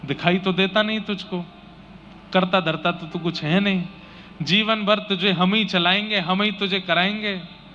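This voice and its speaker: A man's voice: sits high, steady tone, a little slow, sharp tone, pitched below the performer's own voice. A man voicing a poor, anxious village father who pleads and scolds, desperate over lost money, in slightly dull audio with faint noise. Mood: scolding.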